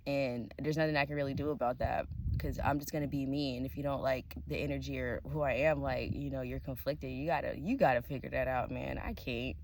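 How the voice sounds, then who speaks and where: A young woman with a low voice talks candidly to her camera while sitting at a campsite. She vents freely and swears often. Steady outdoor noise sits under the voice. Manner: candid, profane, venting. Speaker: vlogger. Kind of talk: casual vlog monologue.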